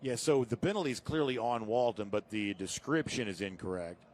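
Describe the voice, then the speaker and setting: A man calling a live high school football game play by play, steady and informative, climbing in energy on big plays. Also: brisk. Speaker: play-by-play announcer.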